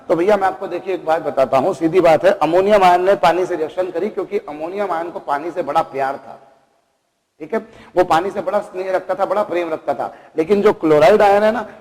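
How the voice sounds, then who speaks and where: Calling his students kids and stopping to ask them rhetorical questions, a man gives a chemistry lecture in a voice that sits high for a man and is a little mellow. The audio carries a long reverb, like a hard classroom.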